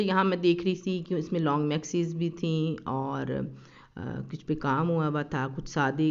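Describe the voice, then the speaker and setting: Her voice is low and a little mellow as this family lifestyle vlogger narrates a family vlog in casual voice-over. She chats in a homely way with plenty of fillers while nursing a slightly sore throat. The lo-fi recording has a slightly dull quality.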